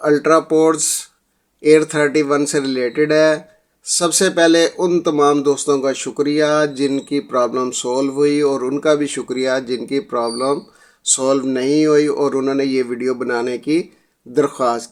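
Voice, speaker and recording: Chatty man hosting a repair tutorial. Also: a little high. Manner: chatty, repeats filler phrases, addresses viewers as friends. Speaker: tech repair channel host. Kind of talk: casual how-to tutorial.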